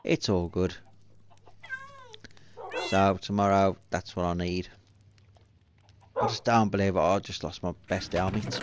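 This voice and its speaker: Low-voiced man muttering over his game. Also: fairly even intonation, measured pace, pauses often, noisy background. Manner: muttering to himself, exasperated, swears when frustrated. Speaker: gaming video host. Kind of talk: let's-play game commentary.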